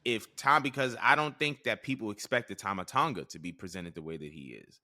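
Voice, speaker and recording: A man co-hosting a casual chat show, leading the topics in a clear, steady, presenter-like way. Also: lowish voice, fairly quick, dry recording, clean studio sound. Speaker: podcast co-host.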